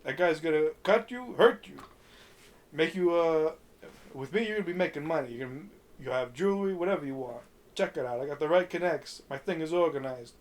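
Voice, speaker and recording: A man reading out a smooth-talking male pimp's pitch in a quick, persuasive delivery. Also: close to an everyday voice. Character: smooth-talking adult male street pimp.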